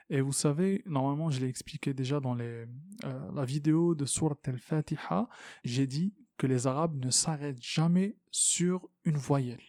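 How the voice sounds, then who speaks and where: A man teaching Quran recitation, patiently explaining letters and repeating sounds slowly with frequent hesitations. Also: on the high side, darkish tone, no room sound, clean studio sound. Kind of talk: tajwid lesson, explaining and demonstrating pronunciation.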